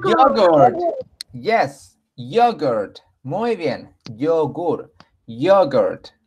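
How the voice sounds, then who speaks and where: Slow, patient male teacher. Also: on the high side, sing-song. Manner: slow, patient, praising often. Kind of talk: online class for young children.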